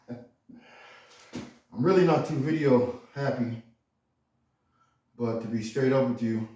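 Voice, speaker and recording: A man's voice: mid-range voice, takes it slowly, dark tone. A man in his garage rambling casually about rebuilding an engine, blunt and profane, saying "you know" constantly. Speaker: home mechanic vlogger. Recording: echoey garage, far from mic.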